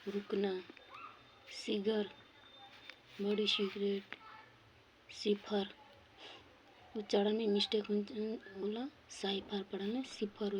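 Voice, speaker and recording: A woman's voice: medium pitch, a little hiss or hum. A woman teaching English pronunciation, drilling words one by one, repeating each and giving its meaning. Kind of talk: spoken lesson on pronunciation.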